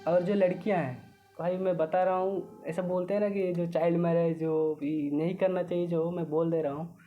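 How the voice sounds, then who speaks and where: A young man from Odisha, a student guest, talking casually and haltingly, often restarting his sentences. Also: high-pitched, flat delivery, faint music behind. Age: young adult. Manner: hesitant, restarts often, mixes in English words. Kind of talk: casual conversation. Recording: phone-like lo-fi audio with faint noise.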